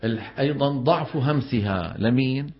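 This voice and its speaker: A man teaching Quran recitation to a class, explaining in casual dialect and chanting example words slowly. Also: mid-range voice, breathy edge, highs cut off.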